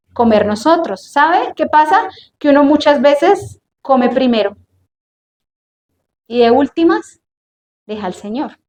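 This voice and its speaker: In an echoey room with a little background noise, a woman with a high-pitched, somewhat mellow voice preaches. She stretches her phrases with emphasis and throws questions out to the congregation.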